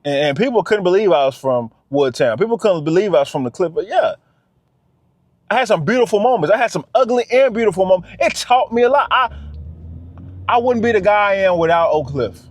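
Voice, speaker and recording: A man's voice: high voice, lively intonation, fairly quick, dry recording. A man talking straight to camera in a casual vlog, emphatic and slangy, repeating his phrases for weight. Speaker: vlogger.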